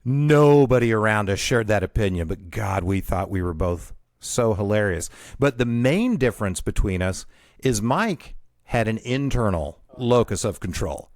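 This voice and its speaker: A male radio host telling a personal story in an animated way, breaking into laughter at his own story. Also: on the low side, moderate pace, dry recording, clean studio sound. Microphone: radio studio mic.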